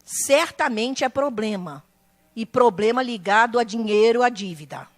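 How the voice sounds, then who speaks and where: Slow high-voiced woman pastor preaching. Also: lively intonation. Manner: emphatic, acts out quoted family members. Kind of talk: sermon. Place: church.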